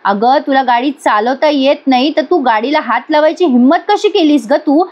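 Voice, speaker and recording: A woman's voice: high voice, animated, moderate pace. A woman voicing an arrogant, rich young man who lectures and blames in a reproachful way. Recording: dull lo-fi recording.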